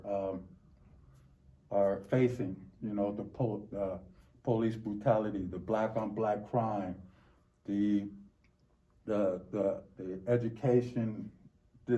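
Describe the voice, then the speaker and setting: Very mellow, halting American man. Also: fairly low pitch. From Los Angeles, United States. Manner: halting, reflective, often repeating words. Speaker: interview guest. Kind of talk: conversational interview answers. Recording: dull, muffled lo-fi recording.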